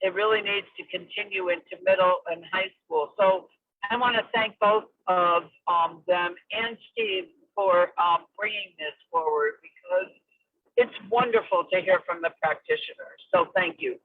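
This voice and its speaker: A woman's voice: lowish voice, lively intonation, measured pace, dry recording. A woman calling into a meeting on a car speakerphone while driving, speaking hesitantly with many fillers. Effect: phone call from a car speakerphone. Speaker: meeting participant. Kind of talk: casual remarks in an online meeting. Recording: tinny dry phone line from a car.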